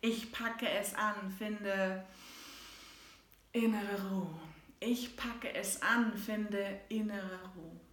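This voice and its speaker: A woman, an author and host, reads her own book aloud as a rhythmic rhyming recital that moves between soft and loud passages. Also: medium pitch, steady tone, very slow. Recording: echoey room.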